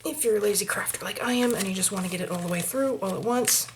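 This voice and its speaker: A woman's voice: mid-range voice, fast. A middle-aged woman with a Maine accent, chatting through each step of a hands-on craft tutorial and muttering asides to herself. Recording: noisy home recording with clicks.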